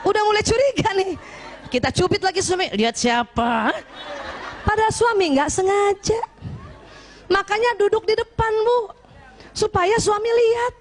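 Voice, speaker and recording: An Indonesian woman giving a lively religious lecture to women, playfully acting out husbands and wives as she talks. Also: very high-pitched, normal speed. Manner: lively, playful, often acts out husband and wife.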